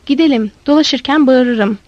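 A woman's voice: sits high, unhurried, no room sound, dull audio. Woman doing a shy, timid boy. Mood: reluctant. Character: shy timid boy vendor, reluctant and ashamed.

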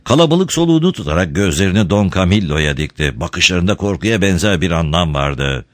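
A man narrating a storybook, reading with expressive, dramatic pacing. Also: low voice, brisk, no echo, studio quality.

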